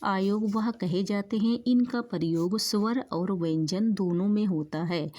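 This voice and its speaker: Woman teacher going over exam stuff, explains and repeats the main points, mid pitch voice. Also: warm tone. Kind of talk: exam-prep lecture.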